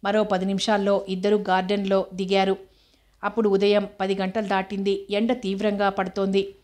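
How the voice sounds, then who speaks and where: A woman's voice: mid-range voice, monotone, normal speed, darkish tone. Woman narrating a novel, level tone. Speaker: audiobook narrator.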